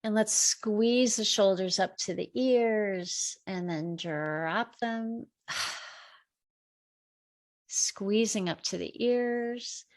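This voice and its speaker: A middle-aged woman with a medium-pitched voice guides a meditation, offering slow, gentle instructions for breathing and relaxing.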